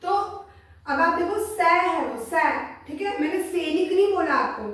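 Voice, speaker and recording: A woman teaching Hindi spelling, explaining patiently, sounding out syllables slowly and checking in with her students often. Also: very high-pitched, animated, a bit bright. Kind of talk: classroom-style explanation. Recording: roomy echo, voice from a distance.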